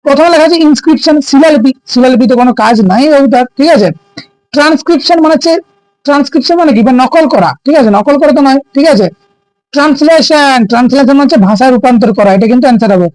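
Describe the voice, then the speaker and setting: Male teacher, high voice, dry close sound, keeps checking students follow. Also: rapid-fire, darkish tone, no room sound, rough recording. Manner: keeps asking students "ঠিক আছে?"; explains by asking and answering his own questions. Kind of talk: exam-prep lesson.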